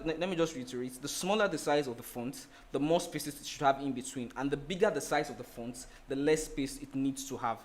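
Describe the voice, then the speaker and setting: A man teaching a design lesson over a screen share. He explains in a loose, rambling way, restarting sentences and leaning on "like" as he thinks. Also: mid-range voice. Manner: rambling, with many restarts and "like" fillers. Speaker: design instructor.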